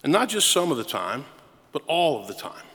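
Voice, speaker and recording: A man's voice: fairly high pitch, big pitch swings, moderate pace, fairly bright tone, breathy edge, big-room sound. A man preaching a sermon as pastor, emphatic and repeating phrases for effect.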